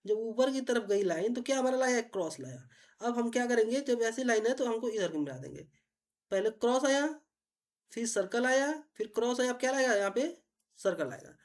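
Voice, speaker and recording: A woman teacher, patiently explaining reasoning puzzles step by step and often asking if it is clear. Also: fairly high pitch, expressive, a little fast. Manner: patient, repetitive, checks understanding often.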